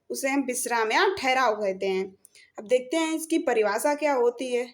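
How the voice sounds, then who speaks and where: Speaking slowly in a high voice, a woman teaches Hindi grammar one step at a time, going over every point more than once. She blends terms into her explanation and keeps pausing to ask her students "theek hai."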